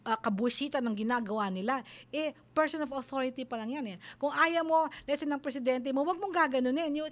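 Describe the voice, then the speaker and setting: A middle-aged Filipino woman hosting a radio advice show, mixing Tagalog and English and acting out the voices she quotes. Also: sits high. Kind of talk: parenting advice talk on radio.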